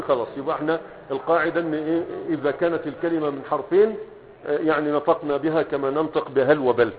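A man with an Egyptian accent teaching Arabic grammar in a classroom lecture, often checking that students follow and answering his own questions. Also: fairly high pitch. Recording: tinny phone-like audio.

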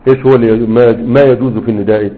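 A man's voice: mid-range voice, steady tone, very fast. A man with an Egyptian accent teaching grammar, reciting verses and quizzing listeners with rhetorical questions. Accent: Egyptian Arabic. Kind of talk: recitation and explanation lesson. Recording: tinny phone-like sound.

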